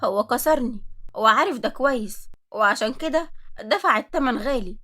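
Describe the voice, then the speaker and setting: A woman's voice: on the high side, expressive, moderate pace, a bit bright. A woman with an Egyptian Arabic accent narrating a dramatic story in the first person.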